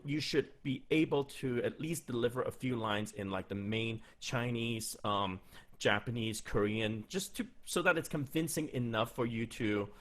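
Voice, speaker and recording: A voice actor in his thirties gives career advice, answering interview questions loosely and chattily with frequent restarts. His voice is medium in pitch with a fairly bright tone. He records indoors in a small room at home on a large studio mic with a pop filter, wearing headphones.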